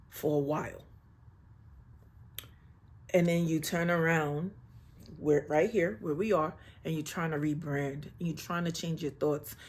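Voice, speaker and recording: Husky-voiced woman vlogger, casual and emphatic, repeats points for effect, motivational talk. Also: low-pitched, a little mellow. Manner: emphatic, preachy, repeats herself; calls the viewer baby. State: getting emotional, near tears. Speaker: lifestyle vlogger.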